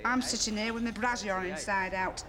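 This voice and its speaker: An actress playing a grumpy, superstitious older woman who complains in an indignant, deadpan way. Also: medium pitch, a little fast, natural voice. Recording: busy crowd behind.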